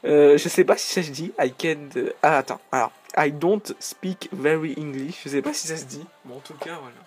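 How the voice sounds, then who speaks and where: Man, somewhat high voice, casual game commentary, rambling jokey asides. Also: quick pace, a little mellow. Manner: chatty, joking, rambling asides.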